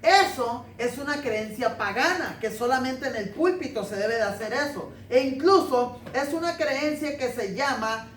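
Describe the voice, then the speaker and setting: A man's voice: extremely high pitch, animated, normal speed, few pauses, fairly bright tone. Man preaching a joking sermon, roomy. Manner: joking, conversational preaching with rhetorical questions. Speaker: pastor. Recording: roomy, distant mic, faint noise.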